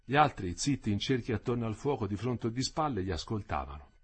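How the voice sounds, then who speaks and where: A man narrating a novel as an audiobook, in an expressive, dramatic reading. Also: fairly low pitch, fairly quick, slightly rough. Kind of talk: scripted narration.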